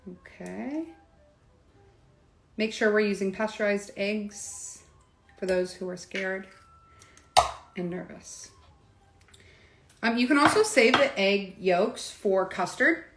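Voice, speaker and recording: A woman's voice: medium pitch, slow pace, pauses often, noisy background. A woman hosting a casual live cocktail demonstration, chatting straight to her viewers with lots of asides. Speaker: cocktail demo host. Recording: echoey room with faint clatter.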